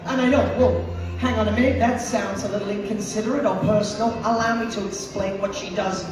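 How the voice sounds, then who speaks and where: A woman with a fairly high voice, heard from far off the mic, works the crowd as a peppy cruise director, giving emphatic live introductions of the ship's officers onstage. The large hall's PA echoes, and music and audience noise fill the background.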